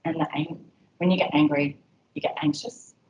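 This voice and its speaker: A woman presents an educational session to health staff in a low-pitched, sing-song voice at a moderate pace, chatty and full of "um"s and "you know"s. She's far from the mic, and the dull, echoey recording has a little hiss or hum.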